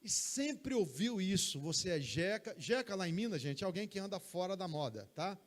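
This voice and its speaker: Man, Brazilian Portuguese accent, pastor, emphatic sermon, high-pitched. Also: moderate pace. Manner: emphatic, animated preaching with acted quotes. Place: church service, streamed live.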